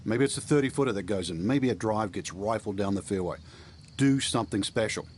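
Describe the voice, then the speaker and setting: A man's voice: on the low side, a little fast, a little mellow. A man working as a golf analyst, commenting on live play. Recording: faint ambient noise behind.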